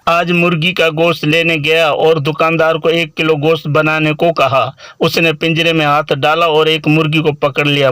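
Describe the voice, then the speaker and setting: A man telling a string of short jokes in a brisk storytelling way. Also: a little high, bright, forceful tone, smooth, no echo. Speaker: joke narrator.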